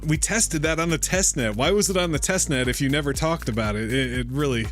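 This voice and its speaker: A man's voice: on the high side, brisk, fairly bright tone, faint music behind. Fired-up man rambling on a livestream. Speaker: livestream host. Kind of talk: casual crypto livestream talk.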